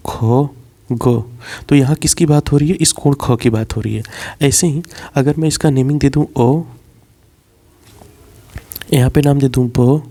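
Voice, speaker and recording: A male teacher giving an animated literature lesson, acting out a scolding elder brother with rhetorical questions, then explaining step by step. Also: mid-range voice, gravelly.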